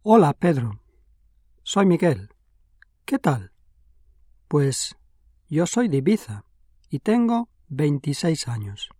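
A man's voice: a little high, very animated, slow pace, long pauses, dark tone, breathy edge, dry recording, full character voice. An actor playing Miguel, a friendly, easygoing young man of twenty-six, in a scripted exam dialogue. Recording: dry studio recording.

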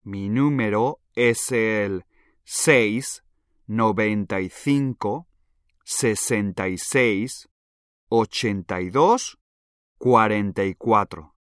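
A man playing a friendly twenty-six-year-old in a scripted language-exam dialogue, speaking slowly and clearly. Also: fairly low pitch, no echo, studio quality. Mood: casual. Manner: slow, clearly spaced delivery.

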